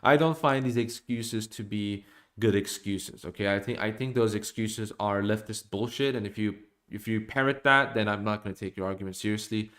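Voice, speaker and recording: A young man from Norway, speaking at a moderate pace in a lowish voice, streams an opinionated monologue from his small home room. He addresses his desk webcam with animated gestures and repeated restarts.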